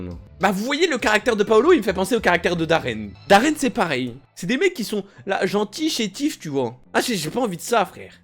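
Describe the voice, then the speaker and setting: Young guy ranting casually on his channel, slangy, repeats himself, voice jumps all over. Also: on the high side. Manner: animated, slangy, emphatic and repetitive. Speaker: youtuber. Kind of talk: casual reaction chat.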